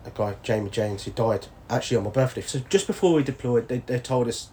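A man's voice: mid-range voice, fast talker, dark tone, slight background noise. Chatty man telling war stories. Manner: chatty, laughs often, acts out quoted voices. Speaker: guest, former soldier. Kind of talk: casual interview storytelling.

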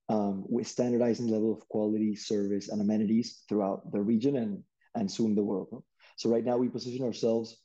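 A young startup CEO from Peru answers interview questions in a relaxed manner, with many fillers and restarts. His voice sits fairly low, and the recording is muffled.

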